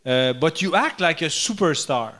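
A French-speaking man with a Quebec French accent, joking casually and searching for words in halting English. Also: fairly high pitch, expressive, a bit bright.

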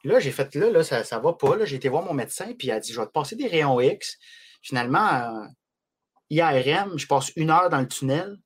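Chatty Québécois man, fast storyteller. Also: a little high, breathy edge. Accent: Québécois French. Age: late 20s. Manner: rapid, animated storytelling with frequent restarts. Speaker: podcast guest. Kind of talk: casual chat.

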